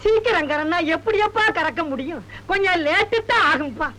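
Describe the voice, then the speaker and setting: A man's voice: very high-pitched, lively intonation, moderate pace, background noise. An old village father, tearful. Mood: rambling. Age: older. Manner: pleading, tearful lament. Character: aging village father pining for runaway son. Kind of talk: film drama acting. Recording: film soundtrack with music behind.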